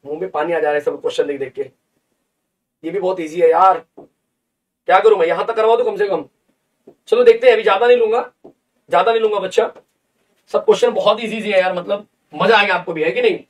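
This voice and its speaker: His voice high and a little fast, the chemistry teacher pauses often while chatting playfully with the students he calls kids in a live online class. Recorded on a livestream desk mic, the audio is distant and somewhat echoey.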